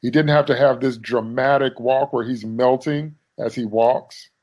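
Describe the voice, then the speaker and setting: A man's voice: mid-range voice, a little slow. Chatty male podcast co-host. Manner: animated, retells scenes with mock quotes. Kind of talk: casual chat.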